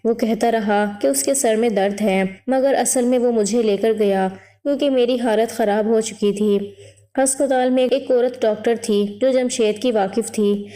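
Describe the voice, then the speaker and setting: A woman reading a scripted first-person story in a steady, even storytelling manner. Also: a little high. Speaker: narrator.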